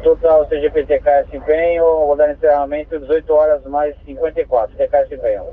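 A Brazilian man dispatches over police radio in a slightly high, husky voice. He is courteous and procedural, giving codes and numbers. The sound is thin and narrow, like a two-way radio. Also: fairly even intonation, fairly quick. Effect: two-way radio transmission.

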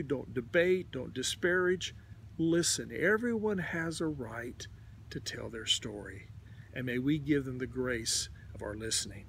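Older male church leader, mid-pitched and gravelly, earnest and exhorting, recorded close-up outdoors in a garden. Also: a little hiss or hum. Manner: earnest, exhorting, with repeated restarts. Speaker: denominational leader. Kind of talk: pastoral address to churches. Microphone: camera close in front, head and shoulders.

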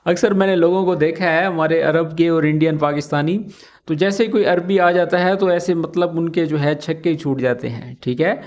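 A man with a Pakistani Urdu accent giving a casual Arabic lesson, repeating each phrase slowly and often checking in with the listener. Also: a little high, fairly even intonation, a little mellow. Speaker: Arabic teacher. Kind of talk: casual spoken language lesson.

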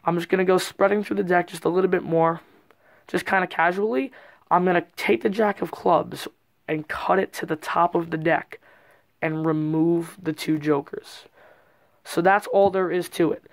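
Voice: medium pitch, steady tone, normal speed, vocal fry. A presenter giving an informal, explanatory step-by-step card trick tutorial in a casual way. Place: indoors at a card table.

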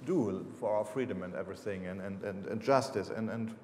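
Here a man in his fifties, a native German speaker with a German accent, sits on a lecture hall stage discussing his books in response to audience questions, with plenty of fillers, restarts and hesitation. He talks fairly quickly in a fairly low, slightly mellow voice. There's roomy hall echo and slight background noise.

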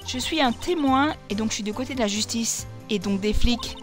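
A woman voicing an excitable female photographer with a put-on southern French accent, reading game dialogue aloud. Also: a little high, normal speed, over music, close to an everyday voice. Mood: cocky. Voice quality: chatty, exclamatory, playful twang. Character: excitable middle-aged woman photographer, chatty.

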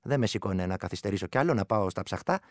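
Radio drama: actor as a rustic villager telling a folk tale, animated pitch, dry studio. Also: male voice, no echo, lightly acted. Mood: storytelling. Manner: storytelling, rustic dialect, shifting loud and hushed. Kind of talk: radio play acting.

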